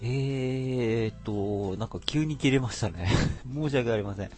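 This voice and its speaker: A man's voice: mid-range voice, unhurried, music in the background. A man hosting a live radio stream in a casual, hesitant, apologetic chatting manner.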